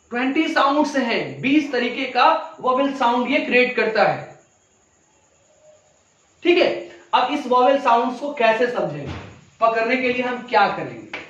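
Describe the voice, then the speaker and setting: A man's voice: very high-pitched, fairly bright tone. A male English teacher giving a classroom grammar lesson, asking rhetorical questions and answering them himself, and calling his listeners children. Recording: echoey room, distant dull mic.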